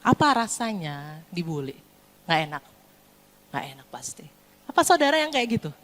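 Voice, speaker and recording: A woman preaching a lively sermon to a congregation, acting out scolding and comforting parents. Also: medium pitch, moderate pace. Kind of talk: sermon with acted parent role-play. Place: church hall. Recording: long hall reverb.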